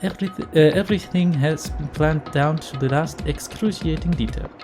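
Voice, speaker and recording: A woman's voice: low-pitched, moderate pace, pitched below the performer's own voice, natural voice. Woman as a cool French-accented female schemer. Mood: cool, grave. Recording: game music behind.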